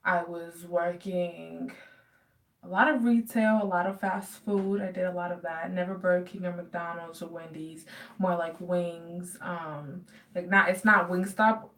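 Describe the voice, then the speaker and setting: A woman's voice: lowish voice, steady tone, a little slow, a bit bright, distant mic. A woman in her twenties from the United States chatting casually in a home Q&A vlog, rambling with many fillers. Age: 20s. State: dry throat. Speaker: vlogger.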